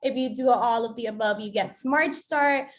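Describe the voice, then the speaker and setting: A young woman from Colombia walks listeners through a business onboarding in an upbeat, explanatory way. Her voice sits a little high for a woman, and she keeps checking that people are following. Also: normal speed. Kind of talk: explanatory presentation.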